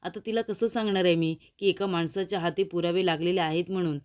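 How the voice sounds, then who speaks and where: A woman voicing a frightened, scheming young woman in a serial recap, anxious and hurried. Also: fairly low pitch, fairly even intonation, a little mellow, close to an everyday voice.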